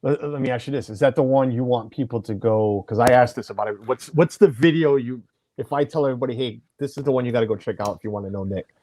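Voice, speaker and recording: A middle-aged American man hosts a casual video chat as a podcast host, chatty and rambling, often correcting himself mid-sentence. His mid-range voice is warm and quick-paced, and the recording is dry.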